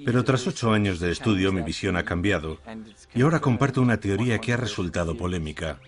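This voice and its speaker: Documentary expert voice: male, deep pitch, scripted personal account, audible crowd sound behind. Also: lively intonation, quick pace.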